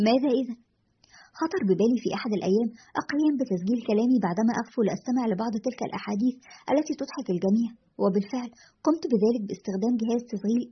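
A woman narrating a scripted story in a brisk, even storytelling manner. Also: fairly high pitch, breathy edge. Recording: dull lo-fi recording.

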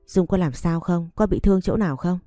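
Calm firm young noble guy read by a woman, low mellow voice, dry close sound w/ faint music. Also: brisk, no room sound, close to an everyday voice.

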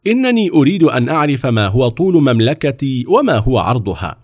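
A man's voice: medium pitch, very animated, brisk, dry recording, clean studio sound, pitched above the performer's own voice. A man voicing a powerful, curious sultan in a storybook reading, speaking in a commanding, questioning way.

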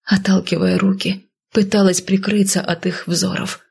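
A woman narrating a first-person audiobook with a husky, gravelly voice and an intimate, often hushed delivery. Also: fairly low pitch, level tone, normal speed.

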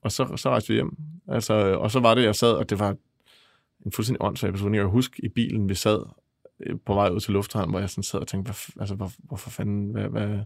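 A man working as a press photographer, retelling events in a halting, vivid way during an interview. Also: on the low side, steady tone, gravelly, no echo, clean studio sound. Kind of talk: interview storytelling.

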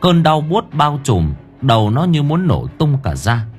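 A man narrating an audiobook in a dramatic, expressive storytelling manner. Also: fairly high pitch, measured pace, faint music behind.

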